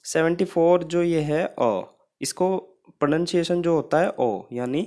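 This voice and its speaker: A man teaches vocabulary in a steady, explanatory way. His voice sits a little above the usual pitch for a man. He goes over each memory trick more than once so it sticks. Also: unhurried. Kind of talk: vocabulary lesson.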